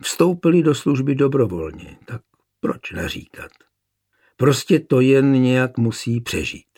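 A man reading a historical war story aloud as narrator, with even, measured storytelling. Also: mid-range voice. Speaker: audiobook narrator. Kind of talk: scripted narration.

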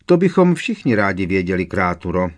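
A man's voice: low-pitched, sing-song. A man voicing a cheeky teenage boy who speaks with dry sarcasm, in an audiobook. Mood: scornful, wry.

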